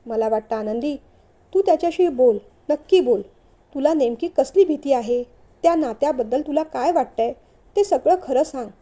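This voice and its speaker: A woman voicing a calm, supportive young man who reassures his sister-in-law in a storybook reading. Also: high-pitched, normal speed. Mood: reassuring. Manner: gentle, reassuring.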